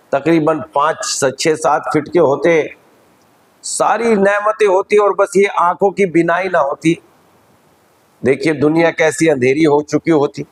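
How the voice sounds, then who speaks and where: A man with an Indian Urdu accent, a cleric giving a measured, teacherly religious lecture at a majlis. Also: on the high side, poor audio.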